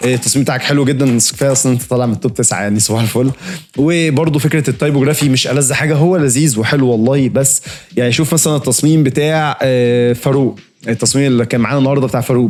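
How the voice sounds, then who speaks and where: A man's voice: mid-range voice, darkish tone. A young man with an Egyptian Arabic accent giving a casual, chatty design critique, full of fillers and friendly asides. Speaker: design reviewer host.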